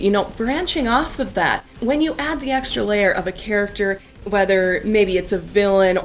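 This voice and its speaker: A woman interviewer at a convention, asking long follow-up questions in a friendly way. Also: medium pitch.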